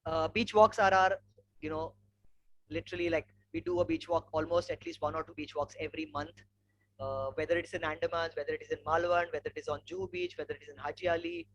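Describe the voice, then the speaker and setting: A man with an educated, posh Indian English accent, an environmental educator and trek leader, gives an informal slide presentation as a webinar speaker, telling anecdotes in a rambling, conversational way. His voice is on the high side, fairly even, quick and a bit bright. Through an online webinar mic, the audio is muffled and clearly noisy with hum.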